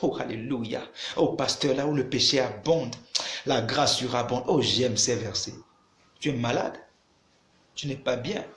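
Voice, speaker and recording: Guy preaching a sermon at the camera, mid pitch, keeps repeating himself, echoey room. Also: measured pace, fairly bright tone, slight background noise. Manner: emphatic, repeats phrases, addresses listeners directly. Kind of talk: sermon to a video audience.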